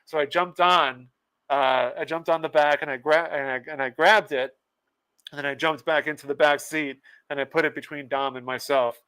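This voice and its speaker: Smooth-voiced, laughing male podcast host. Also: fairly high pitch, steady tone, moderate pace, bright, forceful tone. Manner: laughs often, reads viewer comments aloud. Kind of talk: casual livestream chat.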